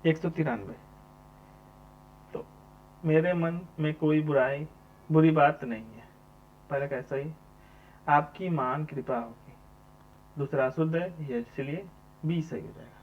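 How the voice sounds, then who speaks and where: A man's voice: on the high side, unhurried, pauses often. Man teaching, repeating each question. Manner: repeats each question number, asks and answers himself. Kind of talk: exam answer walkthrough. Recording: dull lo-fi sound with mains hum.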